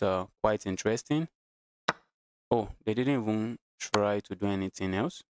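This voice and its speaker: A Nigerian chess streamer with a Nigerian accent and mid-range voice gives laid-back live commentary on his game, thinking out loud, repeating phrases and talking with his viewers. There is no room sound.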